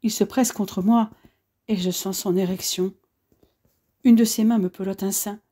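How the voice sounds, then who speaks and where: A woman reading a first-person audiobook in a measured, earnest storytelling manner. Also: medium pitch, fairly even intonation, mellow, breathy edge. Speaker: audiobook narrator.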